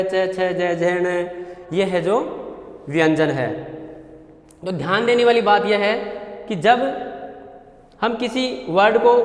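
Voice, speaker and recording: A male teacher with a Hindi accent, patiently explaining a grammar lesson. He repeats points and stretches sounds out slowly. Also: high voice. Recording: echoey room with long reverb.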